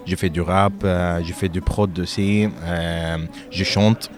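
A man from Lebanon answering interview questions about his music, speaking haltingly with frequent fillers and restarts. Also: deep voice, steady tone.

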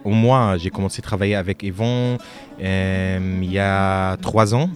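A man from Lebanon answering interview questions about his music, speaking haltingly with frequent fillers and restarts. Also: deep voice, steady tone.

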